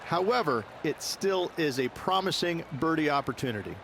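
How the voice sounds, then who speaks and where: A man's voice: a little high, lively intonation, normal speed, background noise. A man playing a golf commentator in a video game, explaining in a conversational analyst's manner. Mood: explanatory.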